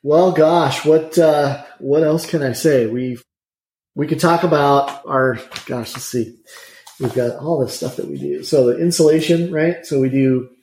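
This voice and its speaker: A man's voice: on the high side, a little mellow, reverberant, a little hiss or hum. A man, an insulation contractor telling rambling stories as a guest in a casual interview. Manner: chatty, rambling, quick storyteller.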